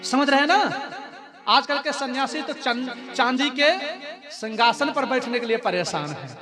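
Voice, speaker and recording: Male storyteller-preacher, very high voice, animated, music bed behind. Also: unhurried. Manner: animated storytelling, addressing the audience. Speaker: religious storyteller. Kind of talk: devotional katha sermon.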